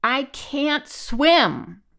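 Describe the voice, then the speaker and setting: A woman's voice: mid-range voice, expressive, brisk, a little mellow, close to an everyday voice. Woman voicing a smug patronizing man. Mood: panicked. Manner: patronizing, falsely soothing. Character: smug condescending man, turns panicked.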